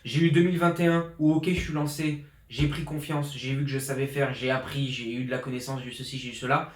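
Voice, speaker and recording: Talking fast in a reverberant flat, a man in his 20s who coaches fitness recaps his year for a casual vlog. He's fired up, restarting sentences and leaning on fillers, his mid-range voice keeping a fairly level intonation. He's using a borrowed pro journalist microphone.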